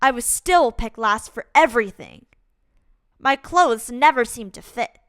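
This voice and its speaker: A woman reading a children's picture book aloud as a storyteller, in an expressive, deliberate and dramatic way. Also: on the high side, no room sound, studio quality. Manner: deliberate, dramatic delivery with acted-out exclamations. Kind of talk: expressive read-aloud storytime narration for kids.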